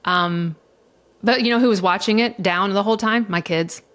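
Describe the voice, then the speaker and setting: A woman's voice: mid-range voice, normal speed, a bit bright. A middle-aged woman, a divorce coach, talking candidly and emotionally in a podcast interview, swearing freely as she goes. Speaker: divorce coach and mediator guest.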